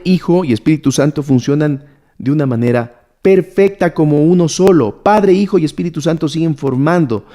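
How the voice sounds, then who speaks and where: A man's voice: a little high, dark tone. A man preaching and teaching the Bible to a gathered audience. He keeps asking his listeners questions and repeats key words to drive his points home. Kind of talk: sermon-style Bible teaching.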